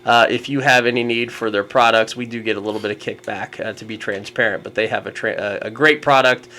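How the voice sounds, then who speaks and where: A man's voice: on the low side, fairly even intonation, bright, forceful tone. A man hosting a casual sports podcast, joking around and stretching out his words for hype. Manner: joking, drawn-out hype delivery. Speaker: podcast host. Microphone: podcast microphone.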